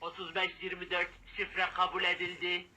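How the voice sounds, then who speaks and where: A man puts on a cheeky automated payment machine with a robot voice. It announces in a flat, mechanical tone, set fairly high. Loud noise runs under the recording. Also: moderate pace.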